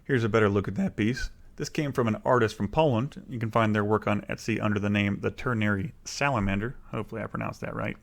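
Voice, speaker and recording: A man's voice: lowish voice, fast, vocal fry, hardly any pauses. A man narrating a casual guided video tour as the guide of his own room.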